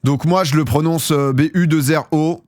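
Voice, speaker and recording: A man's voice: a little high, fairly even intonation, normal speed, darkish tone, no echo, clean studio sound. Slangy French man rambling on stream. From France. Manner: rambling, slangy, laughs at himself. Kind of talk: casual chat with chat viewers.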